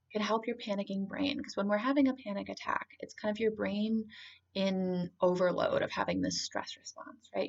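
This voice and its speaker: Calm woman guiding grounding, creaky voice. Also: mid-range voice, lo-fi sound. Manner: calm, conversational, explanatory. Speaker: presenter guiding a grounding exercise. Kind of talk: informal spoken lesson, calm grounding exercise.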